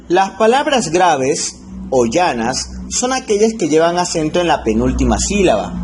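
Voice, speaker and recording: A man teaching a recorded spelling lesson, slowing down to stress key rules and checking in with his students. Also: a little high, darkish tone, slight background noise. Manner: slow, stretched emphasis on key rules, frequent check-ins. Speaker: language teacher.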